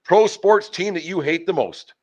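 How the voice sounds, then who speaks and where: An older man hosts a baseball team's podcast, chatting and interviewing in a folksy, rambling, talkative style. His voice sits high with a darkish tone, and he talks at a normal speed. The recording sounds dull and band-limited.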